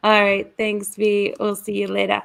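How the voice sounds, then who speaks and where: Chatty woman with a gravelly edge. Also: mid-range voice, completely flat delivery, moderate pace, a bit bright. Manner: chatty, laughs often, rambling asides. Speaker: podcast co-host. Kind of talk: casual video-call chat.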